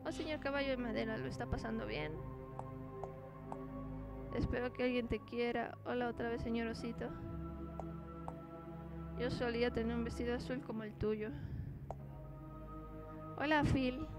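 A woman with a slightly high voice plays a horror game on stream. She reads the dialogue and case files aloud and cries out when something startles her. Game music plays clearly behind her. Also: steady tone, normal speed, long pauses. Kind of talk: let's play commentary, reading game text aloud.

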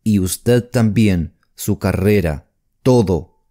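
A man's voice: fairly low pitch, takes it slowly, dark tone. A man reading an audiobook voices a worried, decisive middle-aged mother who speaks firmly and with emphasis. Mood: urgent. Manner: urgent, firm, emphatic. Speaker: audiobook narrator voicing a character. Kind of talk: audiobook character voice.

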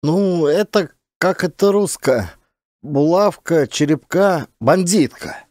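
A man's voice: on the high side, slow pace, dry recording, studio quality, voice pushed up. A man voicing a scrappy young village boy who speaks in broken, ungrammatical phrases. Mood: pleading. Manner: broken ungrammatical speech, excited.

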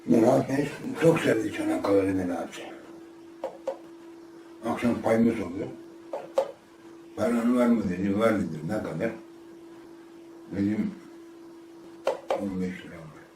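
Recorded from afar in a spacious room with faint ambience and a noisy background, an elderly interviewee from Ardahan, northeastern Turkey, shares a casual memoir. He talks a little slowly in a lowish voice with long pauses, wandering, repeating himself, and performing the dialogue he quotes.

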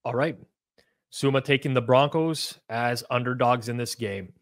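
A man's voice: mid-range voice, normal speed. A man hosting a sports betting show, building hype and teasing a panelist as he introduces the next pick. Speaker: host.

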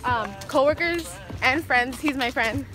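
Walking a hillside trail with a camera carried alongside her, a fitness vlogger in her twenties shares fitness tips. Her voice is high-pitched and her pace measured, and she chats casually with lots of "um" fillers while music plays in the background.

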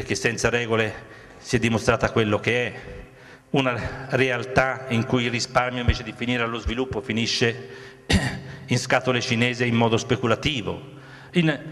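A man's voice: mid-range voice, fairly bright tone. A man in his sixties, a native Italian speaker, giving an earnest, reflective off-the-cuff public speech into a handheld microphone. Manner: earnest, reflective, repeats filler phrases. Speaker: guest speaker. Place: large glass-walled hall, indoors. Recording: echoey hall over a PA.

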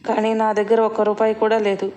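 A worried sister-in-law, troubled and pleading as she explains her plight, voiced by a woman narrator. Her voice stays everyday and of middling pitch for a woman. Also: monotone, fairly quick, mellow, natural voice.

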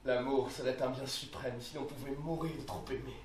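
A man's voice: mid-range voice, fairly even intonation, normal speed, natural voice. A man playing a passionate, despairing young outlaw lover on stage. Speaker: stage actor. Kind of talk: classical verse theatre. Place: theatre stage. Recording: echoey stage, distant mic, faint hiss.

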